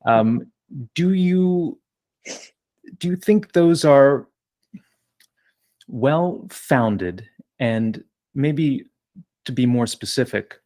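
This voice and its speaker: A man's voice: mid-range voice, lively intonation, drawn-out words, long pauses, warm tone. A man from New Jersey hosting an interview podcast, asking long winding questions with many fillers. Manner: discursive, wordy, many fillers. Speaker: podcast host.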